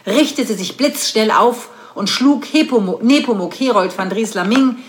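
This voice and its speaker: A woman reading an adult story aloud in a measured pace, with occasional slips and restarts. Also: a little high, slight background noise.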